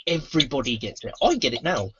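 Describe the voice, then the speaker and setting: A muffled, lo-fi convention recording with a little hiss or hum captures a man with a mid-range voice, big pitch swings, a quick pace and a sharp tone. An anti-bullying trainer and podcast host, he talks earnestly about resilience training in a casual interview chat, acting out quoted lines.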